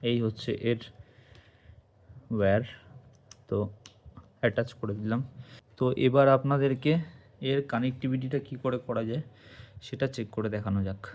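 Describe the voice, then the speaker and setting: This man, a native Bengali speaker who reviews products and makes motovlogs, talks viewers through a casual tutorial one step at a time. His voice is medium-pitched with a darkish tone.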